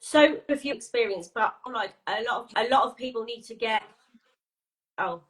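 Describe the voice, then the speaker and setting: A woman speaking over a video call whose audio keeps glitching and cutting out, leaving her phrases halting and broken off. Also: on the high side, a bit bright, breathy edge, no echo, rough recording. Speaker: animal rights activist guest. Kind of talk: casual video call chat.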